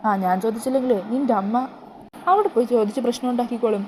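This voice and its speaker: A woman's voice: a little high, fast talker, warm tone, slight background noise, lightly acted, rough recording. Middle-aged landlord dad voiced by a woman, mild, matter-of-fact.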